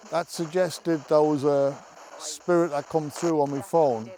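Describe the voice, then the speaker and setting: A man hunting ghosts outdoors in a forest at night. He calls out questions to spirits, then talks quietly to his companion. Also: on the high side, steady tone, a little slow, soft background music. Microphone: camera held by a companion.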